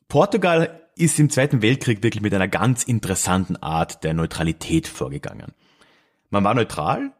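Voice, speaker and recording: A man's voice: medium pitch, darkish tone. A man giving a casual spoken history talk, thinking aloud with restarts and small asides. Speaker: podcast host explaining history.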